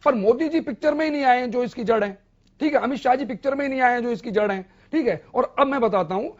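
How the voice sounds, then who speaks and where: Male political analyst, high voice, emphatic explainer, muffled lo-fi sound. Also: fast talker. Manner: emphatic, explains with worked examples. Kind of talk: TV news debate.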